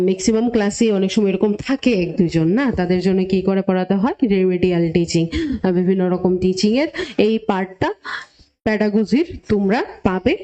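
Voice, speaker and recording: A woman from Tripura teaching a class in a soft, mellow voice. She explains patiently, step by step, often asking her students whether they are following. She switches freely between Bengali and English terms, at a medium pitch. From Tripura, India. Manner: explains step by step, checks in often with "ঠিক আছে?". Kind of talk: classroom lesson.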